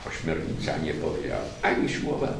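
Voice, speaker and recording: A man reciting a fairy tale in an expressive, dramatic way, recorded in an echoey room from a distance with faint noise behind. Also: a bass voice, fairly quick, gravelly. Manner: dramatic, wide-ranging delivery.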